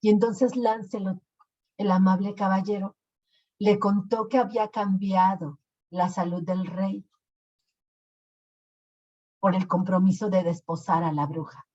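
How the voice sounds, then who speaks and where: Woman storyteller, unhurried and expressive, dull lo-fi sound. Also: medium pitch. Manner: slow, expressive. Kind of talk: storytelling narration. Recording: lo-fi recording.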